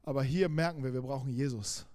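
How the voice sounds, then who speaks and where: A man preaching a sermon, emphatic and direct, turning quiet and intense as he goes. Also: medium pitch, brisk.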